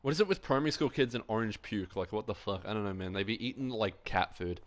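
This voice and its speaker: A man's voice: on the low side, lively intonation, fast talker. A young man streaming live, rambling through anecdotes in casual chat, swearing often and laughing a lot.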